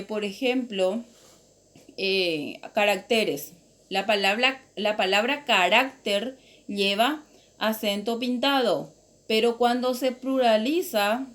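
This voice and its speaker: A woman teacher giving a grammar lesson, reading out example words one at a time and explaining each rule deliberately. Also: a little high, a bit bright.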